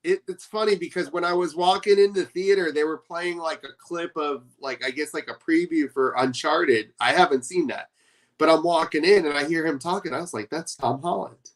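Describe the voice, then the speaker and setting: A man's voice: a little high, brisk. Chatty man telling easygoing anecdotes. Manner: chatty, laughs easily, tells anecdotes. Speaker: podcast co-host. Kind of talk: casual chat.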